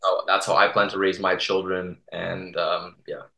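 A young man with a very low, bright, forceful voice, talking earnestly in a casual podcast interview. He restarts his sentences often as he works through his answers. The sound carries a roomy echo. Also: monotone, creaky. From Toronto, Canada. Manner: earnest, halting, many restarts. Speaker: guest from a Serbian community TV channel.

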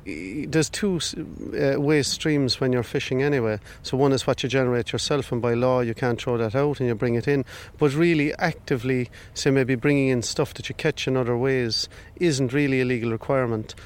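A middle-aged man explains things in a conversational, slightly halting way. His voice is clear and smooth at a medium pitch. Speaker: fisheries campaigner, former fisherman.

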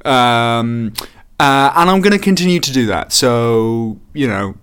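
Male podcast host, unhurried, rambling, self-mocking, average pitch. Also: lively intonation, fairly bright tone, clean tone. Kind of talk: casual chat.

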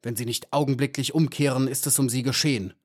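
A man voicing a stern male guard bee who speaks in a rough, commanding way. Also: mid-range voice, steady tone, fast talker, a little mellow, close to an everyday voice.

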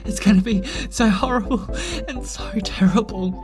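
Anxiety as a frantic, self-doubting emotion, as a performer puts it on. The pitch sits mid-range, and music plays behind. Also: normal speed, natural voice. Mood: panicky. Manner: fretful, spiralling worry. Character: nervous fretting emotion of anxiety.

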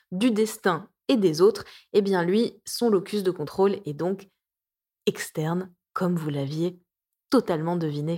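A woman's voice: mid-range voice, darkish tone. Playful, joking woman podcast host. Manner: playful and jokey, with self-mocking asides; chatty, with frequent hesitations and restarts. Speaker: podcast host, coach and therapist. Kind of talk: reading her blog articles aloud with asides.

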